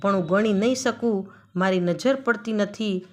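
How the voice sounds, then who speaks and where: A woman voicing a hoarse, greedy man who bullies and threatens a trapped boy. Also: mid-range voice, normal speed, darkish tone, soft background music, natural voice. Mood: threatening. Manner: gruff and bullying. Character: hoarse greedy male railway swindler, threatening.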